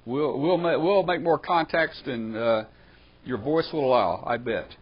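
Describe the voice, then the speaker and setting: A man's voice: mid-range voice, measured pace, husky. A man hosting a live ham radio webcast, talking in an easygoing way with many trailing fillers. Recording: slightly dull webcast audio with faint noise.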